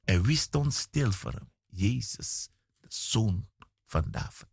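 A man preaching a radio sermon, slow and emphatic, with dramatic swings and repeated phrases. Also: fairly low pitch, expressive, vocal fry, a little mellow, slightly rough, no echo, studio quality. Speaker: guest preacher.

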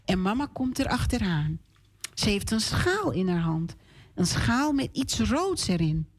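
A woman on children's radio reading a Bible story aloud in a clear, expressive way. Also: mid-range voice, unhurried.

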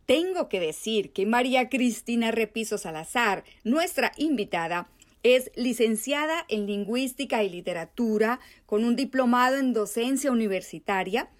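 A woman co-hosting a radio show from home, announcing contact details in a measured way. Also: on the high side. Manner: measured, reads out contact details and guest introduction. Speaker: radio co-host.

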